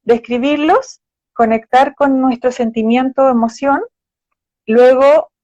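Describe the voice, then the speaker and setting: A woman's voice: high-pitched, steady tone, slow pace, a little mellow, no echo. A woman psychologist, patiently explaining with examples in a live conversation. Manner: patient, explanatory, gives examples with quoted phrases. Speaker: psychologist guest. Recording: dull, dry live-stream audio.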